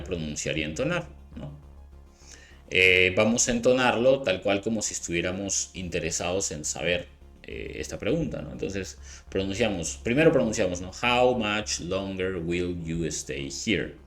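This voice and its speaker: A man teaching a language lesson in a relaxed explanatory way, often checking in with the listener and slowing down to model phrases. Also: fairly low pitch. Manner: conversational, frequent rhetorical "¿no?" and "¿vale?" checks; slowed careful demonstrations of phrases. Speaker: English teacher. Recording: faint background music.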